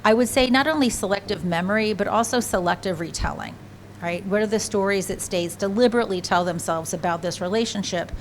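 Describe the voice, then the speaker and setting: A woman's voice: mid-range voice, a little fast, slight background noise. A female panelist speaks in a thoughtful, hedging way, qualifying her points as she goes. Faint room ambience sits behind her voice.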